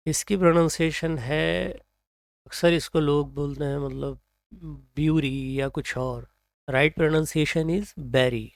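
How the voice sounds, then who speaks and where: A man with an Indian accent teaching English pronunciation, reading example sentences slowly and then explaining them. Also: a little high, steady tone, creaky, no echo, studio quality. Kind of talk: slow explanatory lesson, mixing Hindi and English.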